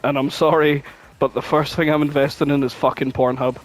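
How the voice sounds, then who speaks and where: A podcast co-host with a slightly high voice talks briskly in casual chat, rambling, swearing freely and telling stories with animation as his thoughts spill out. The recording is very noisy.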